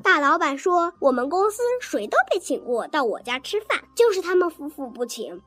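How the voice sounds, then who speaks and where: A blunt, playful young husband bickers over dinner, as a woman reads his lines aloud. The voice sits high and swings widely in pitch, with a dry, close sound and faint music behind. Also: sing-song, normal speed, a bit bright, no echo. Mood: coaxing.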